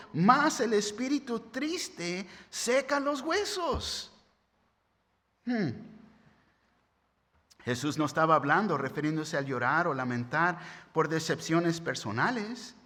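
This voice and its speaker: High-voiced preacher in a reverberant hall. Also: male voice, a bit bright. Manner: conversational preaching with tag questions. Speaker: pastor. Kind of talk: sermon.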